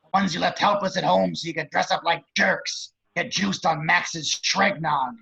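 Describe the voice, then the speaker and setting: Vengeful sneering villain: raspy, high-pitched, forceful, theatrical taunts. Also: male voice, moderate pace, full character voice. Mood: menacing. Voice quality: gravelly, raspy. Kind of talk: amateur table read of a film script.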